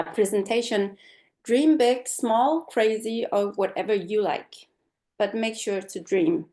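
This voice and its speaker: A middle-aged Danish woman with a warm, mid-range voice presents as a guest speaker over a video call. Her online talk is thoughtful and sprinkled with lots of fillers.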